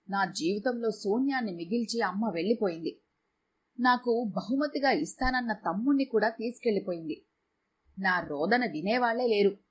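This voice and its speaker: A woman's voice: a little high, slight background noise, close to an everyday voice. A woman voicing a young married man who confesses how his mother's death still haunts him, in an earnest first-person storybook telling. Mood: fearful.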